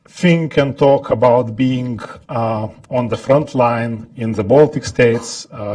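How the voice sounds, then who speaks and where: A man from Lithuania with a Lithuanian accent, giving deliberate, halting remarks as a scholar on a panel, often clearing his throat. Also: mid-range voice, a little mellow, recorded from a distance. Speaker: think-tank scholar, panel speaker. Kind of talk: prepared remarks at a panel talk.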